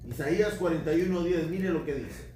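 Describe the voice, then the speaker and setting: High-voiced man preaching in echoey hall. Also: fairly quick, a little hiss or hum. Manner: addresses listeners as brother, animated. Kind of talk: sermon. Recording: very echoey hall, voice from far off, faint background.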